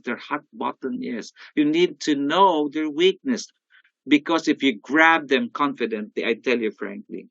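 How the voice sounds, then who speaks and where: An older man with a Filipino accent giving an animated motivational sales talk, often calling out to his audience. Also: fairly high pitch, no room sound, muffled recording. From Philippines. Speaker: sales coach.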